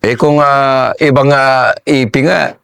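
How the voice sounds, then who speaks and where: Older man, gravelly, average pitch, former soldier guest, animated storytelling, acts out quoted dialogue. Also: slow pace. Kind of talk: casual storytelling interview.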